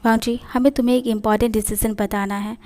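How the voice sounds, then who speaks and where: A woman voicing a calm middle-aged father announcing a family decision. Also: on the high side, quick pace, natural voice.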